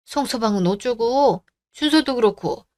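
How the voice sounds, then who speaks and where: A woman playing a gentle, self-effacing older mother in a radio drama, soft and reassuring. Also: on the high side, animated, normal speed, close to an everyday voice. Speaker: sick mother.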